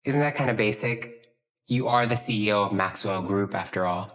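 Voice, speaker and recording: An actor playing a fawning, fashion-conscious assistant to a CEO in a short drama. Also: male voice, fairly low pitch, normal speed, fairly bright tone. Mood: chatty, fawning. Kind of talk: melodramatic short-form drama acting.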